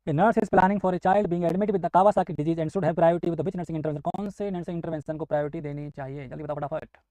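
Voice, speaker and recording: A man's voice: on the high side, steady tone, moderate pace, warm tone, dry recording, low-quality recording. A man teaching a live online nursing exam class, explaining step by step and acting out students' questions and his own answers. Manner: explains step by step, mixes English into Hindi.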